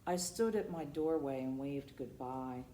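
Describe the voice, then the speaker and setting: Reading a picture book to young children, this woman performs dramatically, stopping now and then for asides and questions. She has a bass voice, heard with roomy echo and noticeable background noise.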